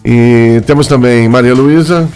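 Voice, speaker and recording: A Brazilian man hosts a studio radio interview in a loose, joking manner, dropping tags and fillers as he goes. His voice has a gravelly edge. Soft music sits faintly under him. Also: mid-range voice, unhurried. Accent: Brazilian Portuguese. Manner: chatty, jokey, filler-heavy. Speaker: radio host. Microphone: studio microphone.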